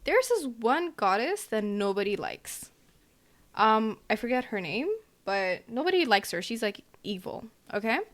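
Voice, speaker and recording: Her pitch is a little high and very animated, and she takes her time. This woman co-hosts a podcast and, in casual conversation, meanders through an old story, hedging often and leaning on fillers.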